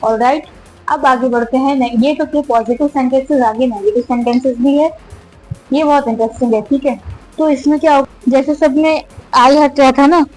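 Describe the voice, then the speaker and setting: High-voiced woman teaching grammar. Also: steady tone, a little mellow, faint music behind, rough recording. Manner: chatty, self-correcting, slows down to spell out examples. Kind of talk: casual classroom explanation.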